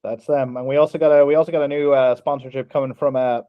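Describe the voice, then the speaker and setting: Irish man, podcast co-host, storytelling, animated quoting, profane, dry recording. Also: mid-range voice, quick pace, dry recording, highs cut off. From Ireland. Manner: animated anecdotes, acts out quotes, swears freely. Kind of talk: casual storytelling chat.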